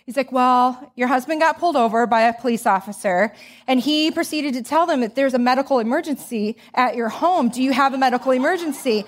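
A woman in her thirties tells a personal story to a crowd of women, candid and self-deprecating. Her voice sits high and she keeps it conversational and warm in manner, laughing at herself as she goes. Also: fairly quick. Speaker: speaker.

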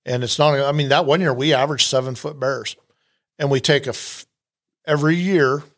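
A man's voice: medium pitch, steady tone, normal speed, a bit bright. A man hosting a casual podcast about hunting trips, talking in a rambling way with many restarts and fillers. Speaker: podcast host and hunting outfitter.

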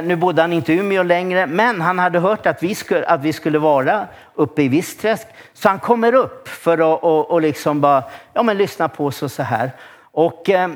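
Excitable male preacher telling a story. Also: fairly high pitch. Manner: lively storytelling with frequent restarts and rising excitement. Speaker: pastor. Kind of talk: sermon. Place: church.

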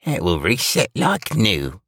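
A man's voice: on the low side, huge pitch swings, slow, a bit bright, a little hiss or hum, pitched above the performer's own voice, exaggerated voice. A man voicing a jolly, helpful village baker who laughs while he explains things, in a dry close recording. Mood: cheerful.

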